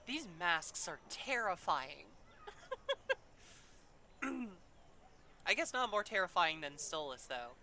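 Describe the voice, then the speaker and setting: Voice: mid-range voice, sing-song, slow, long pauses, bright, forceful tone, slight background noise. A streamer playing a game, reading in-game texts and making jokey asides. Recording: game music playing behind. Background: game music.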